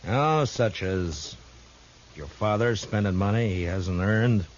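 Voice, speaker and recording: A steely American frontier marshal for a radio Western. His voice is deep, his delivery dry, terse and unflappable. It comes through a dull 1950s recording with a faint hiss. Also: slow. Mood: stern, probing. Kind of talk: 1950s radio drama acting.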